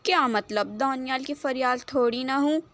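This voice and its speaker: A woman's voice: high voice, a bit bright. A woman voicing a stubborn, cocky young man who talks defiantly.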